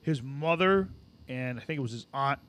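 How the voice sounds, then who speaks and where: A man telling stories in a casual podcast chat, animated and swearing often, acting out what other people said. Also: mid-range voice, normal speed. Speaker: podcast co-host.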